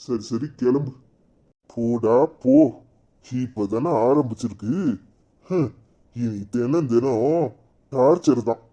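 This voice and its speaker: A man's voice: medium pitch, slow pace, long pauses, dark tone. A man voicing a cheeky, gossipy office friend. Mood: mocking. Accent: Tirunelveli Tamil. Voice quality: mocking, chatty. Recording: slightly dull lo-fi recording.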